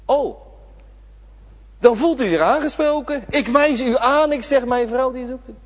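A man preaching a sermon, impassioned, swinging from loud appeals to hushed whispers, in a church. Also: extremely high pitch, measured pace. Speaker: pastor. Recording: reverberant church hall.

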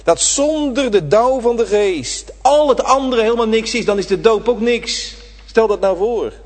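A man preaching a sermon to his congregation, swinging between loud emphatic lines and hushed ones. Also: very high voice, moderate pace. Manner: addresses the congregation directly. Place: church. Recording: reverberant church hall.

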